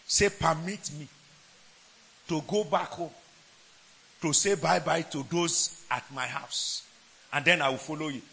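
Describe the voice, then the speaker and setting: A man preaching a sermon. He swings between shouted lines and low asides, and keeps asking the congregation questions. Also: unhurried, creaky, long pauses. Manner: asks the congregation questions, laughs between points.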